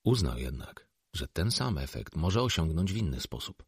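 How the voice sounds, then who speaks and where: A man reads a novel aloud in a measured, steady narration. His voice sits very low and has a husky grain, and it is recorded close and dry with no room sound. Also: no room sound. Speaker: audiobook narrator. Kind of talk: scripted narration.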